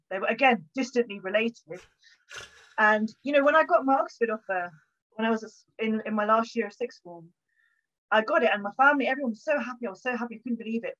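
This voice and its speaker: A woman's voice: on the high side, fairly bright tone. A young woman with a southern English accent, a historian guesting on a podcast, telling stories in a chatty, informal, self-deprecating way. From Buckinghamshire, England. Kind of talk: casual conversational storytelling. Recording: dull, band-limited audio.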